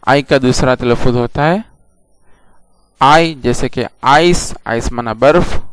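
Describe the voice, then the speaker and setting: Slow, clear-voiced male language teacher. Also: mid-range voice. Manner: patient, repeats each letter and example. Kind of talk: slow, deliberate classroom instruction.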